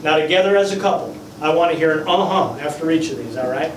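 A man's voice: a little high, quick pace. Male [name] impersonator officiant; ceremonial, playful, recorded at a distance with slight background noise. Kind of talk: officiating a vow renewal ceremony. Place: small indoor wedding chapel. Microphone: distant camera mic. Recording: echoey room, distant mic, faint noise.

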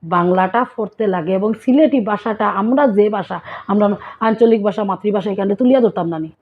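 A woman's voice: mid-range voice, fairly quick. A woman vlogger with a Sylheti accent, casually explaining local words and often checking that listeners understand. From Sylhet, Bangladesh. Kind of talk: casual explanatory vlog talk. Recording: tinny phone-like sound.

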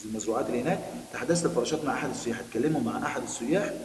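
A man with an Egyptian Arabic accent teaching a primary school Arabic lesson, quickly explaining a text to children. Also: mid-range voice, darkish tone. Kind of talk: recorded classroom lesson. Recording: echoey room, distant mic, faint hiss.

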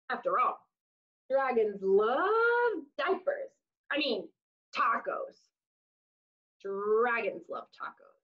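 Through dull, lo-fi webcam audio, a woman in her thirties can be heard reading a storybook aloud to young children in a small room. She has a high-pitched voice and a highly expressive, exaggerated style with dramatic pauses.

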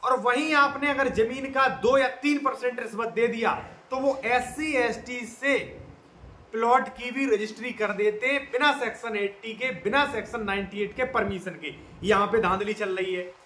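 A man's voice: very high-pitched, steady tone, normal speed, bright, forceful tone. A man, earnestly explaining a legal issue to his viewers in a monologue. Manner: earnest, repeatedly addresses viewers as companions. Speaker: legal commentator. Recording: echoey room with faint noise.

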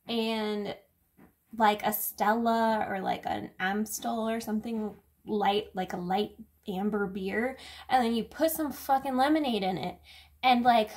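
A woman talks through a drink review in a loose, casual vlog. Her voice sits a little high, and she rambles with plenty of fillers, swearing and dry sarcasm. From United States.

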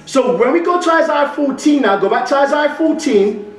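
A young English guest preacher with a West Midlands accent talks at normal speed in a very high voice over soft background music. Animated, he poses questions to the congregation and gestures broadly at the pulpit. The large indoor church hall echoes, captured by a stand mic at the pulpit and a distant camera.

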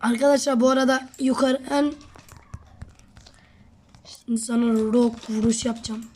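A woman's voice: fairly high pitch, fairly even intonation, moderate pace, a little mellow. A woman casually commenting on her own gameplay, teasing her teammate and talking to viewers. She says she is sick. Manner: chatty, teasing, addresses viewers. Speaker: gamer and channel host.

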